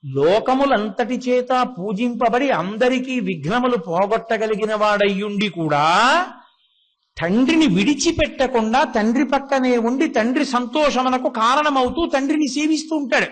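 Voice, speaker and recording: Guy with a pretty high voice doing a devotional talk, tells the story and keeps asking questions then answering them. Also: moderate pace, fairly bright tone. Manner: retells dialogue from the story in his own voice. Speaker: religious discourse speaker.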